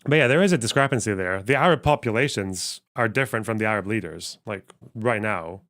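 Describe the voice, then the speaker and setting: A young man with a somewhat low voice, reacting to a debate on stream. He talks bluntly, swears freely and thinks out loud, adding sarcastic asides. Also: a little fast. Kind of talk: casual reaction commentary.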